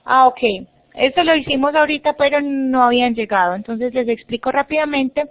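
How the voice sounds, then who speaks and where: A woman teaching an English class online, explaining patiently and repeating words slowly. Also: sits high, no room sound. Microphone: video call. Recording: muffled online call audio.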